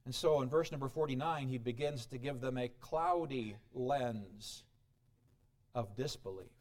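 A man preaching a sermon, reading scripture aloud and explaining it with dramatic swings in loudness and frequent chuckles. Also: a little slow. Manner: dramatic shifts in pitch and volume, chuckles often.

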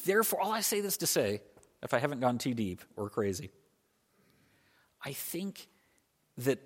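A man's voice: medium pitch, husky. A man preaching a conversational sermon as pastor, explaining things patiently and often restarting his phrases. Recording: reverberant hall sound.

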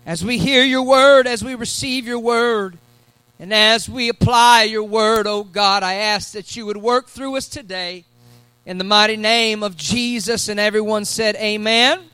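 A man preaching a sermon, calling out to his congregation and swinging between loud emphatic peaks and quiet storytelling. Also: high voice, fairly even intonation, measured pace, clean tone, no room sound. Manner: preaching with call-and-response to the congregation. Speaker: pastor.

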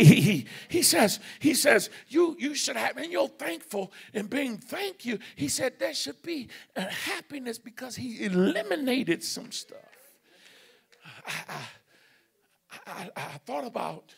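A man preaching a fervent sermon in a church, breaking into shouts and calling out to the congregation. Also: extremely high pitch, sing-song, slow, gravelly, husky. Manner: fervent, shouting in bursts, call-and-response with the congregation. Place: church sanctuary.

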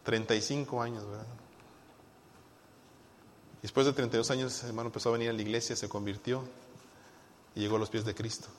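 A male pastor preaching a sermon to his congregation, asking them rhetorical questions and moving between hushed asides and loud, emphatic lines. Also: medium pitch, little pitch movement, a little fast, pauses often, slight background noise. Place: church sanctuary. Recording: long hall reverb.

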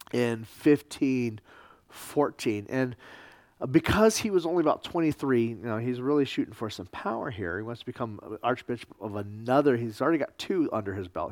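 Pastor guy teaching history off slides, lots of uhs, wry jokes, mid pitch, dead dry room. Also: dry recording. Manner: halting, many ums, wry and sarcastic asides. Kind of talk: casual classroom lecture.

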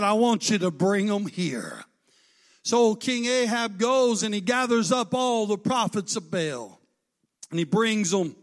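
A man preaching a fervent sermon, retelling a scripture story with dialogue and lifting into chanted, sung cadences at its peaks. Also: high voice. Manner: retells scripture with dialogue, rising to shouted climaxes.

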